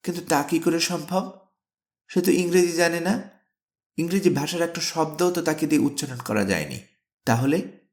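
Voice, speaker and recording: A man's voice: on the high side, moderate pace, vocal fry, long pauses, voice pushed up. A man voicing a bewildered young castaway, speaking in an agitated, questioning way. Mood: astonished. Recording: echoey room.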